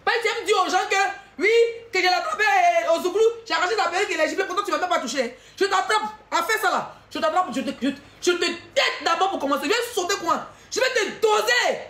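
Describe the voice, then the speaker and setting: Shrill Ivorian woman ranting insults. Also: fast talker, few pauses, reverberant. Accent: Ivorian French. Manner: taunting, mocking, often shouting. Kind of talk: heated insulting rant to camera.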